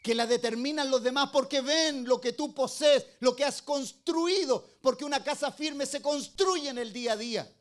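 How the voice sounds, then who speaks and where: A middle-aged male pastor with a very high voice, preaching a sermon. He fires rhetorical questions at the congregation and swings between loud, stressed phrases and low, quiet asides. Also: moderate pace.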